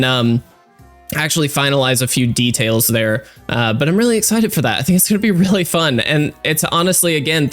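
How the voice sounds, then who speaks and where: A gaming YouTuber delivers chatty, upbeat let's-play commentary full of fillers. His voice is medium-pitched, a bit bright, and sounds stuffy and congested.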